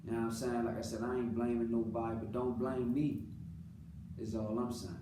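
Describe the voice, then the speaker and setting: A man's voice: medium pitch, level tone, fairly quick. Earnest American man, roomy distant recording. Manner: earnest, repeats phrases for emphasis, colloquial. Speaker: father speaking about his own life. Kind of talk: unscripted personal monologue, casual talk. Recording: roomy, distant mic, clearly noisy background.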